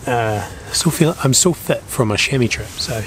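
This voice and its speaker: A man's voice: medium pitch, animated, normal speed. A man with a broad New Zealand accent talking casually and in a laid-back way to camera as a hunting vlogger outdoors. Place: outdoors in bush and hilltops. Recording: noisy outdoor ambience.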